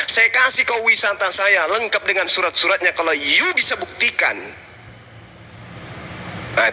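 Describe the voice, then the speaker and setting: A man's voice: sits high, pushed and bright, breathy edge. A man, hosting a debate channel and scolding someone in an angry, threatening rant.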